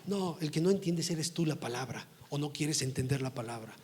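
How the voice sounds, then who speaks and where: A middle-aged man preaching a sermon as pastor, emphatic and scolding, rising to forceful outbursts. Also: fairly high pitch, animated, a little fast, slight background noise.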